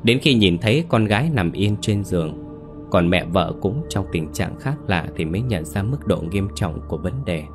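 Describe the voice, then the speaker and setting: A man narrating a dramatic story in a steady, measured reading. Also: sits low. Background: faint music.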